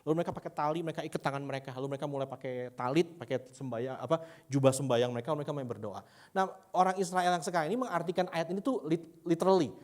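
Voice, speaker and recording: A man preaching a casual, humorous sermon to a congregation, often asking them questions. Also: fairly high pitch. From Indonesia.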